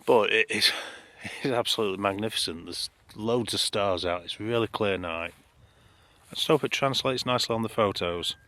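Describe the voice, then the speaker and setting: On the low side and pushed and bright, this British man's voice moves at normal speed. He is a landscape photographer giving easygoing, chatty vlog narration, recorded with faint background noise.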